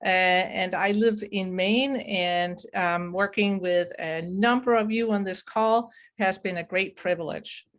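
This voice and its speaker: A woman's voice: medium pitch, unhurried, few pauses. A woman with a Danish accent leads a video call. She sounds upbeat and welcoming, invites people to the chat, and sets the tone for the session. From Denmark. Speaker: facilitator. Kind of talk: call facilitation.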